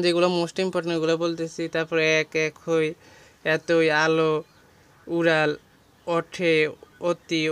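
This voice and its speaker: Flat-toned man teaching exam prep. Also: fairly high pitch, smooth. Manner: walks page by page through a textbook, listing words and meanings. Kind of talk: exam guidance lesson.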